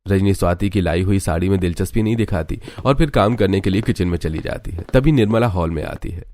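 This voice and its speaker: A man narrating a cartoon story in a steady, scripted way. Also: low-pitched, quick pace.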